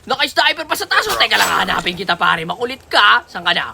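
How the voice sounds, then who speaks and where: A woman giving live gameplay commentary, excitable, laughing and shouting as she plays. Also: mid-range voice, fast talker, creaky. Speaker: gaming streamer. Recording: noisy game audio with gunfire. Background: game gunfire and clicks.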